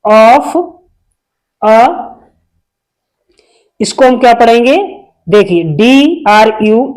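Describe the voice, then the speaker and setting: This man has a high, slightly mellow voice and is giving an English reading lesson. He reads each word on its own and asks the learner how it should be pronounced.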